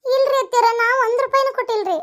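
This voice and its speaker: A woman's voice: extremely high pitch, quick pace, a bit bright. Woman voicing a pleading young wife. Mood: protesting. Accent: North Karnataka Kannada. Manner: pleading, protesting. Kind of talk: cartoon story voice acting.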